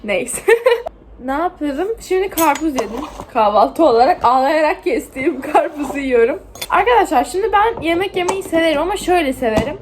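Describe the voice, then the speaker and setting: A woman's voice: high-pitched, lively intonation, brisk, background noise. A young woman from Bursa vlogging about her day in a blunt, outspoken, chatty way. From Bursa, Turkey. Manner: blunt, outspoken, swears freely. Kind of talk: casual chatty vlog.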